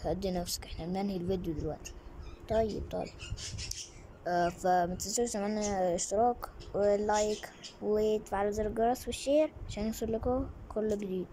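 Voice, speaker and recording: A woman's voice: medium pitch, dark tone, a little hiss or hum. A woman with an Egyptian accent hosting a gaming channel, closing her video in a chatty, repetitive way. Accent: Egyptian Arabic. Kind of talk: video outro.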